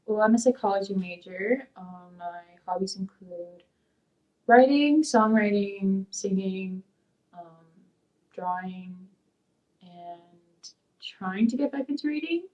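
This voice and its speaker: Young woman interviewee, rambling and unsure, mid pitch, slightly off-mic in a dark studio. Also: slow, far from the mic, muffled recording. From Peru, raised in Sacramento. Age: young adult. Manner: rambling, hesitant, many fillers. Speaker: interviewee, community college student. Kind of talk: oral history interview.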